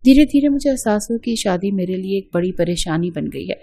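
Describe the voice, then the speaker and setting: Woman with a husky, mellow narrating voice. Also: medium pitch, lively intonation. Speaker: storyteller. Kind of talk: scripted first-person story narration.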